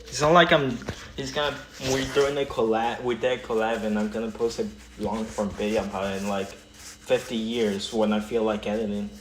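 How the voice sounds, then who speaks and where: A man streaming a game, talking casually to his chat in quick rambling bursts and restarts. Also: on the low side, fairly even intonation. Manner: rambling, talks to chat while playing; quick bursts, trailing off mid-sentence. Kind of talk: casual gaming livestream chat.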